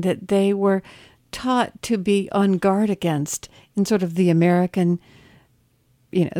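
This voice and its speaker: A woman interviewer asks curious, engaged questions in a mellow, warm voice. Her pitch sits in the middle of the range. The recording is close and dry. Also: no echo.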